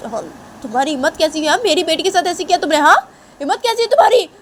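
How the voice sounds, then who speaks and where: A woman's voice: very high voice, animated, rapid-fire, darkish tone, a little hiss or hum, voice pushed up. A woman voicing an outraged father who accuses the man.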